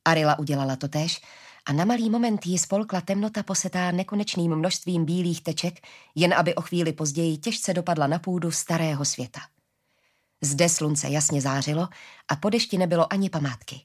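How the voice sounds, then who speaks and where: A woman narrating a fantasy story as an audiobook in a calm, steady way. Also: lowish voice.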